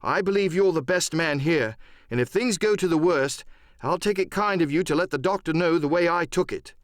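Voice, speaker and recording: A man's voice: a little high, normal speed, no echo, studio quality, voice pushed up, natural voice. A man playing a brave, defiant teenage boy in an audiobook, speaking in an earnest, bold, declamatory way.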